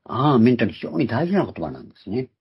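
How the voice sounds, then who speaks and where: A man's voice: medium pitch, big pitch swings, fast talker, husky. A man giving a Bible teaching sermon, explaining terms one by one and repeating key words for emphasis. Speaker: preacher. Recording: dull lo-fi recording.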